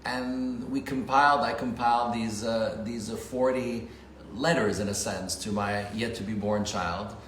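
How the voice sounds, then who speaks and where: A middle-aged man from Paris and Geneva, whose first language is not English, chats casually, halting and thoughtful with many fillers. His voice sits low, in a reverberant room with a faint hiss behind him. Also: steady tone, fairly bright tone. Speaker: co-host, film director. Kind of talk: casual livestream chat. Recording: echoey room with faint noise.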